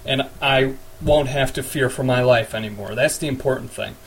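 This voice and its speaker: A man's voice: medium pitch, moderate pace, slight background noise, close to an everyday voice, low-quality recording. A man playing a frazzled radio host in a comedy audio drama, rambling and stumbling over his words while under siege. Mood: flustered.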